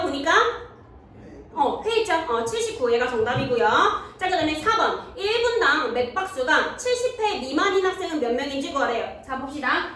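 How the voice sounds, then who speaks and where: A woman with a high, slightly bright voice gives a middle school math lecture to a class, repeatedly stopping to ask quick questions that check whether students understand. The classroom is very echoey, the mic is some distance away, and faint noise sits underneath.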